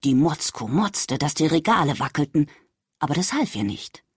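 A woman reading a children's story aloud, speaking gently and addressing the young listener directly. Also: low voice, sing-song, normal speed, husky, no room sound, studio quality.

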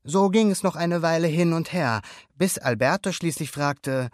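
A man narrating a storybook aloud in an expressive, animated way. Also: on the high side, normal speed, dry recording, studio quality. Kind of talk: storybook reading.

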